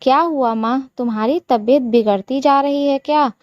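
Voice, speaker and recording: A woman's voice: high voice, normal speed, no echo, dull audio, lightly acted. A woman voicing a mild young husband. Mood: concerned.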